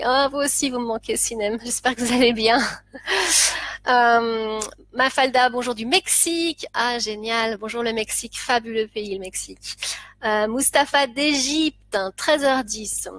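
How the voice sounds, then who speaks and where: A woman's voice: a little high, fairly even intonation, a little slow, a bit bright, a little hiss or hum. A woman who teaches French, chatting on a live stream as she greets viewers by name and laughs often. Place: home, living in Pakistan.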